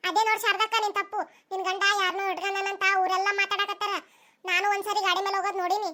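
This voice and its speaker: A woman's voice: very high voice, level tone, very fast, bright, forceful tone. A woman voicing a gossiping village neighbor in a cartoon, with a North Karnataka Kannada accent. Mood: sly. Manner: confiding, gossipy.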